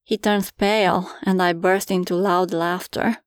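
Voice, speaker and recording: A woman's voice: fairly low pitch, level tone, measured pace, smooth, no echo, clean studio sound. A woman narrating a first-person erotic story in a playful, teasing manner.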